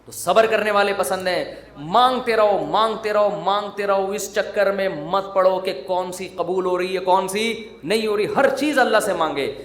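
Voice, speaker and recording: Heard with a roomy echo, a male Islamic preacher jokes and teases his way through a conversational, humorous sermon. His voice is high and fairly bright.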